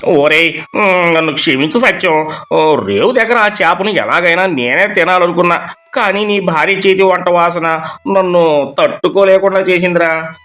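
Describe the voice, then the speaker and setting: A man voicing a sneaky, greedy male neighbour who pleads slowly and hesitantly after being caught. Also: high-pitched, fairly bright tone, faint music behind. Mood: pleading.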